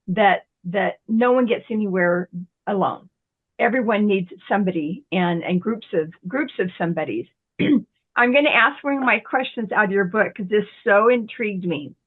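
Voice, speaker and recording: A woman's voice: medium pitch, moderate pace. A woman interviewer asking her guest questions in a friendly, curious way over the phone. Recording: tinny phone line.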